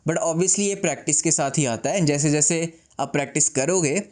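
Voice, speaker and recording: A man talking to camera in a casual advice vlog, speaking slowly and deliberately with pauses, mixing English phrases in and making self-deprecating jokes while seated indoors. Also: a little high, heavy background noise. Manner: slow, composed, deliberate delivery with pauses; mixes English phrases into Hindi. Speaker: YouTuber.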